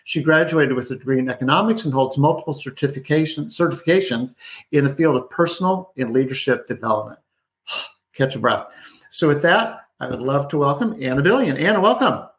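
A man's voice: on the high side, lively intonation, brisk, fairly bright tone. Chatty male interview host. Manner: upbeat, chatty, with frequent fillers. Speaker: podcast host. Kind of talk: conversational interview hosting.

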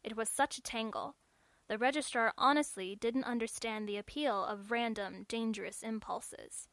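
A woman narrating a story in a measured, clear storytelling manner. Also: a little high, steady tone, fairly bright tone, no room sound.

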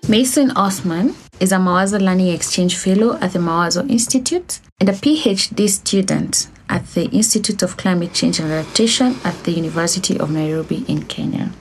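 A woman hosts an interview show. Her pitch is a little low, and some faint ambient noise sits behind her voice. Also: fairly quick, few pauses. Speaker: show host. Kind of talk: hosting an interview.

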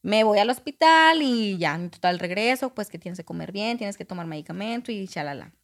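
A woman's voice: mid-range voice, animated, fairly quick. Young woman telling her story. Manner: candid, acts out quoted dialogue. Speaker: podcast guest. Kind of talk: personal storytelling in conversation.

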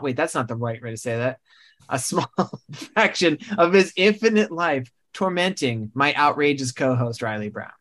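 Male host, slightly high voice, loose improvised comic narration with self-corrections. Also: fairly bright tone. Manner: rambling, self-correcting, laughing at own jokes. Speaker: podcast host. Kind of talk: comedic improvised storytelling.

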